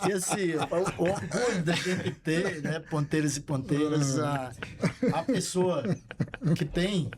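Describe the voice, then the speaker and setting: A man's voice: fairly high pitch, slow pace, a crowd in the background. A male podcast host, giving informal closing thanks in a studio with slang and repeated words. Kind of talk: casual chat, closing thanks.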